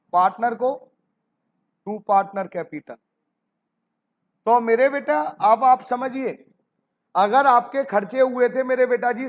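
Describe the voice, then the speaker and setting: High-voiced accounting teacher. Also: male voice. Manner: fond, calls students "beta ji", rhetorical questions. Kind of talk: classroom accounting lesson.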